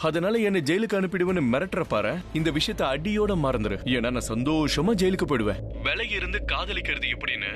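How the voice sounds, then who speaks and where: A man's voice: on the high side, very animated, quick pace, a bit bright. A man voicing a fiercely devoted husband in a dubbed TV serial, speaking with intense emphasis, scornful toward his rival. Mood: defiant. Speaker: husband declaring love for his wife. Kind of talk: Tamil-dubbed TV serial acting. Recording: TV drama dub with faint music behind.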